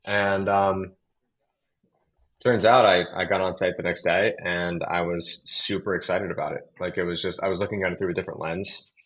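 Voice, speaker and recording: Interview guest: young man from New York, low and level delivery, chatty and meandering. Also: steady tone, moderate pace, fairly bright tone, poor audio. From Long Island, New York. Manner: rambling, many fillers and restarts. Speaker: guest, real estate developer. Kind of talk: casual interview storytelling.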